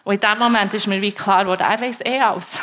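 Speaking to a congregation, a Swiss German-accented woman preacher shares her personal testimony of faith, halting, emotional and repeating herself. Her tone is fairly bright, her pitch mid-range, and her intonation fairly even.

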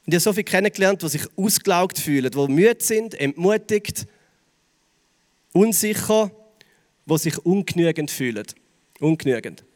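A man's voice: high voice, animated. Earnest Swiss German man preaching in a hall. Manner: earnest, halting, drops soft and slow on key phrases. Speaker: youth preacher. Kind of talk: personal testimony sermon to young people. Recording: long hall reverb.

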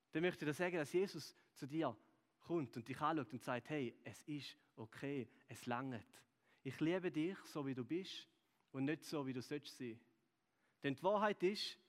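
Swiss German preacher in a reverberant hall. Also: male voice, fairly high pitch. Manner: swings between loud, lively asides and soft, hushed repeated phrases; repetitive rhetorical cadence. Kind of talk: sermon to a live audience.

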